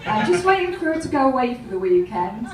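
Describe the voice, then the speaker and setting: A woman's voice: a little high, sing-song, fairly quick, noisy background. A woman telling wry, rambling anecdotes in a stand-up comedy set, laughing at her own jokes. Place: live comedy venue. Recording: roomy, distant mic with faint ambience.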